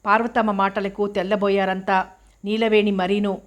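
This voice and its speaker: A woman narrating a novel in a measured audiobook reading. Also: medium pitch, level tone.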